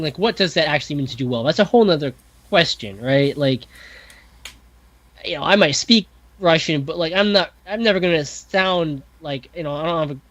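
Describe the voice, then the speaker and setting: Man, podcast guest, hesitant, thoughtful, slightly high voice, dry sound. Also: fairly bright tone, dry recording, poor audio. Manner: thoughtful, hesitant, many fillers and restarts. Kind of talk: casual discussion.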